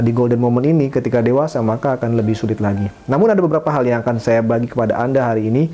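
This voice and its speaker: A middle-aged male hypnotherapist delivers a talking-head lesson on parenting advice in a mellow, medium-pitched voice. He speaks with frequent fillers and restarts and acts out example phrases.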